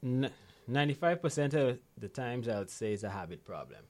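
Speaking a little fast in a mid-range voice, the guest, a financial literacy coach from Guyana, chats through an interview with lively storytelling. He keeps checking in with listeners by tossing in "right?" again and again.

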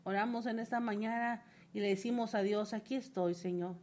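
A woman preaches with fervor, her voice at an ordinary middle pitch. She leans on repetition and swells to emphatic peaks as she urges her listeners on. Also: steady tone, moderate pace, darkish tone. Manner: fervent, builds to emphatic repetition. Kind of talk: sermon.

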